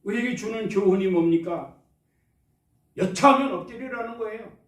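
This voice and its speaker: High-voiced preaching pastor in an echoey church. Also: male voice, moderate pace. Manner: preaching with call-and-response to the congregation. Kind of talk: sermon. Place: church sanctuary. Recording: echoey church hall, mic at a distance.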